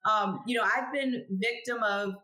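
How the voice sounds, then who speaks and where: With a roomy echo around her, a woman in her thirties speaks unhurriedly in a slightly high voice. She's a chemist guest in a casual interview, expressively telling stories and acting out the people she quotes.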